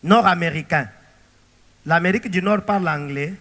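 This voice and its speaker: A male pastor preaching a sermon, animated and throwing rhetorical questions to the congregation. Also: sits high, normal speed, in a large hall.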